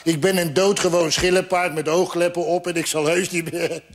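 A man's voice: high-pitched, little pitch movement, moderate pace, close to an everyday voice. A man voicing an old, timid cart horse who talks in a bewildered, hesitant way.

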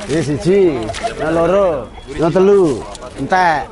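A man with a Central Javanese accent selling lamps at an outdoor market, loudly joking and haggling prices down. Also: on the high side, lively intonation, a crowd in the background. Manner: loud, joking, rapid counting and haggling. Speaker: street vendor selling lamps. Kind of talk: market sales patter, auctioning down prices.

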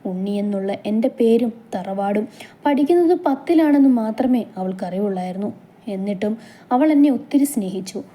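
Mellow-voiced woman reading a love story. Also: on the high side. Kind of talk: romantic story narration.

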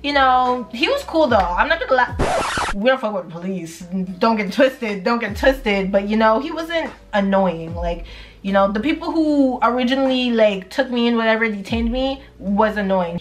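A young adult woman vlogging at home, telling a personal story in a candid, chatty way, full of fillers and the odd swear word. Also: fairly high pitch. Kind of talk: casual story time. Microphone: camera mic.

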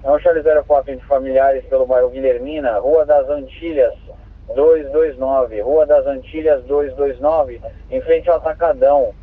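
Through a tinny, narrow-band police radio channel, a man with a Brazilian accent courteously and formally relays codes and numbers. He speaks at a moderate pace with a medium pitch and fairly level intonation.

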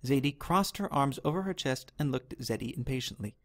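A man narrating an animated chapter of a children's novel in a steady, even reading. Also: medium pitch, fairly quick. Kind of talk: storybook narration.

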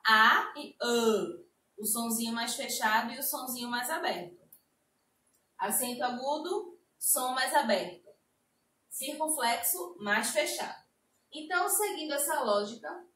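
A woman teacher with a Brazilian accent, slowly explaining a lesson to young children and drawing out her example words. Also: high voice, fairly bright tone, a little hiss or hum. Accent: Brazilian Portuguese. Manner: slow, sing-song explaining with drawn-out example words. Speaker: primary school teacher. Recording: echoey room, a bit distant mic.

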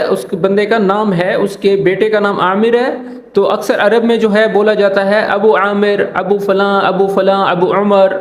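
Man, Arabic teacher, high voice, casual lesson, echoey room, repeats phrases slowly. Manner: repeats phrases slowly, asks "ٹھیک ہے نا?" often. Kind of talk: casual language lesson explaining drama lines.

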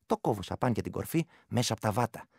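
An actor playing a rural Greek soldier who tells a superstitious tale in old village dialect, in a radio play. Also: male voice, on the low side, lively intonation, gravelly, husky, dry recording, clean studio sound, full character voice. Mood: storytelling. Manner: storytelling, rustic dialect, shifting loud and hushed. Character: village man, soldier telling a folk tale.

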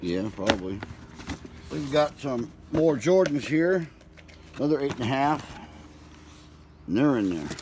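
Man, mid-pitched, relaxed unpacking chatter, outdoor phone audio with noise. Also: unhurried, pauses often. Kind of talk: casual chat while unpacking.

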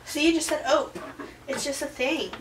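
A woman's voice: high voice, normal speed, recorded from a distance, very noisy. A teenage girl chatting playfully as a friend and co-host while cooking in a home kitchen. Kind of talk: casual chat while cooking. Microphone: camera on the counter.

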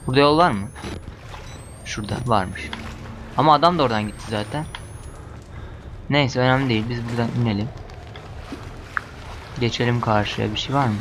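A man with a Turkish accent commenting on a horror game as he plays, muttering to himself and breaking into panicked shouts when chased. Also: mid-range voice, a little fast, long pauses, noisy background. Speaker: gamer.

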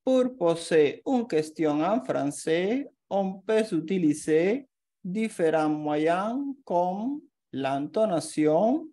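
Female language teacher, lowish mellow voice, very slow, careful delivery of scripted examples. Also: lively intonation. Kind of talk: slow scripted grammar lesson.

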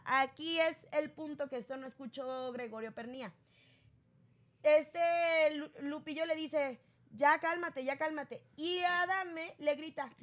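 A woman hosts a laid-back gossip show, chatting away and acting out quotes by raising her pitch.

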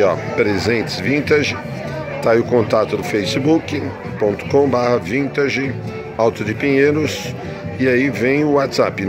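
Man interviewer, mid-pitched, brisk, music and crowd around. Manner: brisk, prompting, says "legal" often. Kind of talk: casual interview. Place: indoor bazaar hall, busy. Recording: bazaar crowd and music behind. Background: crowd chatter and music.

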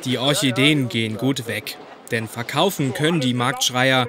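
A man's voice: medium pitch, moderate pace. Male reporter narrating over market bustle. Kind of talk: scripted narration of a light TV feature. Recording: busy market crowd behind voice-over.

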